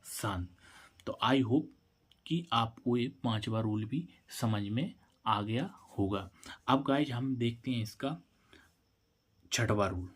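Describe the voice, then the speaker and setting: A man gives a classroom-style English spelling lesson, slowly and with frequent pauses, in a slightly rough mid-range voice. He asks a question, answers it on his own, and spells words out one letter at a time.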